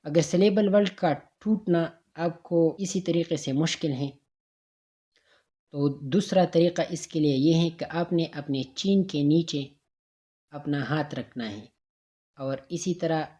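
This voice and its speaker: A man's voice: a little high, takes it slowly, dark tone. A man teaching a recorded grammar lecture, explaining patiently step by step and sounding out examples syllable by syllable.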